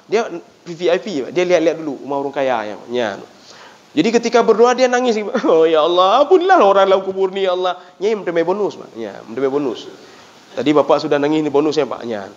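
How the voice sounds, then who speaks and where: Animated Acehnese preacher, high lively voice. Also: male voice. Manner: lively, animated storytelling, often addressing listeners as "Pak". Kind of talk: sermon. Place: prayer room. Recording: dull lo-fi sound.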